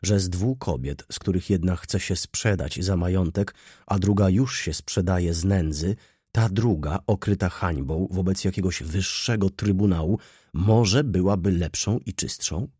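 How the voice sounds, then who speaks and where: A man narrating a classic novel in a measured, literary reading style. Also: low voice, mellow, breathy edge, no room sound, studio quality.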